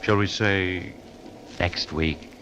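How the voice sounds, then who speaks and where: Deep, sly Mysterious Traveler. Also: male voice, fairly even intonation, slow, highs cut off, noisy background. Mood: sly, ominous. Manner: wry, insinuating, theatrical. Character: sly, macabre mysterious traveler, storytelling host. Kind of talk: 1940s radio acting. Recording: old radio with loud organ music.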